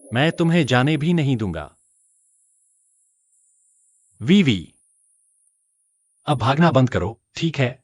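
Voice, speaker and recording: A man's voice: medium pitch, very animated, unhurried, dry recording. A man voices a possessive, wealthy young man in a dubbed drama. He speaks firmly and insistently. The recording is dry and close. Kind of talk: Hindi dub of a short drama.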